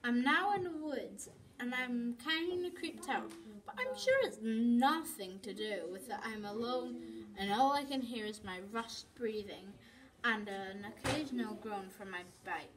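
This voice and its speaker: A woman reading her own story aloud, slowly and haltingly, with restarts. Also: on the high side, animated, a crowd in the background, rough recording. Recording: voice from off the mic, people chattering behind.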